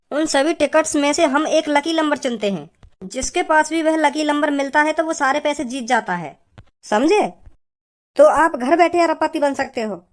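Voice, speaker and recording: A voice actor playing a smooth-talking salesman in a cartoon, with persuasive, explaining sales patter. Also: high-pitched. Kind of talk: cartoon comedy voice acting.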